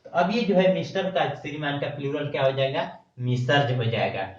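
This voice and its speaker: A man's voice: a little high, a little fast. A man teaching English grammar in a lecture video. He spells words out letter by letter and keeps checking in with a repeated "okay". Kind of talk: classroom-style video lecture. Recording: echoey room, distant mic, dull lo-fi sound.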